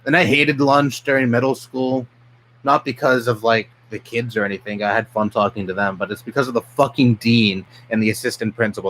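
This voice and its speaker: A man's voice: lowish voice, fairly bright tone, slight background noise, poor audio. A young man from New York City, a streamer ranting bluntly and profanely in casual live-stream chat. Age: young adult.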